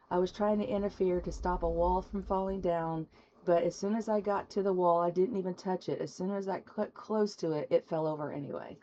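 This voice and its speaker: A woman's voice: lowish voice, warm tone, dull audio, a little hiss or hum. Folksy woman reading tarot. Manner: folksy, rambling, spiritual. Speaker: tarot reader. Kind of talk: casual spoken tarot reading.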